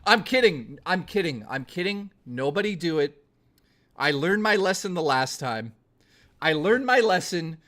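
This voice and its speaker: A man's voice: a little high, big pitch swings, unhurried, a bit bright. A man chatting casually on a live stream, joking, swearing and answering chat messages. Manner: profane, joking, teasing.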